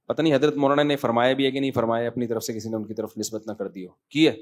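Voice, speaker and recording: A man's voice: mid-range voice, steady tone, darkish tone. A middle-aged man with a Pakistani Urdu accent answers written questions from his congregation. He sounds tired but keeps a lecturing, conversational sermon manner and often calls his listeners brother. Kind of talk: sermon Q&A, reading questions aloud.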